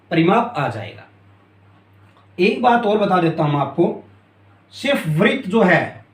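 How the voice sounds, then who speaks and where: A man teaching a math lesson at a board, repeating key terms and often asking if it is clear. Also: high-pitched. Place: classroom with a board. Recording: echoey room.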